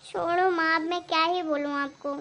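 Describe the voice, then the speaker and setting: A woman's voice: extremely high pitch, steady tone, normal speed, a bit bright. A woman voicing a proud, modern young daughter-in-law in a cartoon, who talks in a dismissive, smug way. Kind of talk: cartoon voice acting. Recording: dull lo-fi recording.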